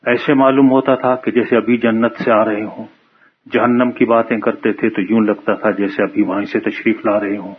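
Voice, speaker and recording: A man retelling a translated story from memory in a lively, conversational way. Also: lowish voice, slight background noise. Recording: muffled phone-like radio sound.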